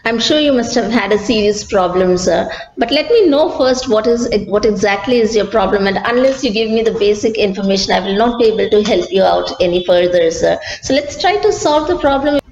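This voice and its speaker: A woman with an Indian accent playing a calm, reassuring customer service executive, speaking in a polite, formal customer service voice. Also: mid-range voice, brisk, hardly any pauses, close to an everyday voice. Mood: polite, composed. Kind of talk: customer service role-play. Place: small office with bare walls. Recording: echoey room, dull sound, faint noise.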